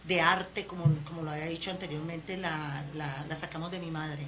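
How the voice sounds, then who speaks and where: Interview guest: woman, 50s, Cali Colombian accent, low voice, halting delivery, noisy room. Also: fairly even intonation. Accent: Colombian Spanish from Cali. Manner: hesitant, many fillers and restarts. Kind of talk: relaxed personal storytelling. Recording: noisy background ambience.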